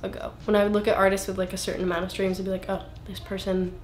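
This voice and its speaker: A singer-songwriter in her twenties, appearing as a guest in a casual interview, rambles and interrupts herself with plenty of fillers. Her medium-pitched voice stays level in tone while she races along, and the recording sounds roomy.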